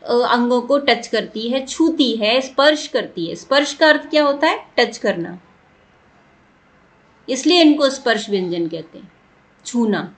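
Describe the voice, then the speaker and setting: A woman's voice: on the high side, expressive, a little slow. A woman teaching a grammar lesson, patiently repeating points and asking her students questions. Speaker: Sanskrit teacher. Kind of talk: classroom lesson explanation.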